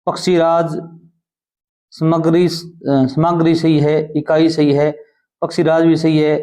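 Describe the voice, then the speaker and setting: A male teacher running an exam-prep lesson who explains answers step by step and often asks quick questions. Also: fairly high pitch, little pitch movement, mellow.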